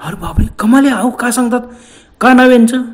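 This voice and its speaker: A man's voice: extremely high pitch, brisk, voice pushed up. A man voicing a startled, frightened young woman who asks urgent questions in a raised voice. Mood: alarmed.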